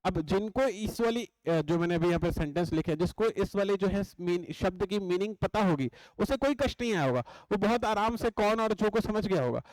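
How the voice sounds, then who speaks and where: A man's voice: high-pitched, normal speed, few pauses, darkish tone, no echo, low-quality recording. A young man giving an exam-coaching lecture. He explains in a chatty way, repeats his points and often checks that the class is following. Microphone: writes on a board while talking.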